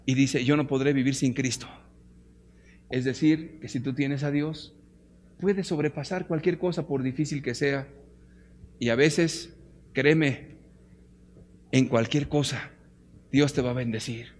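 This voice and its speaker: A man with a Mexican Spanish accent preaching a fervent sermon, firing rhetorical questions and swinging from loud appeals to hushed, quiet lines. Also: medium pitch, fairly even intonation, measured pace, long pauses, a little hiss or hum. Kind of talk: impassioned sermon. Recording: long hall reverb.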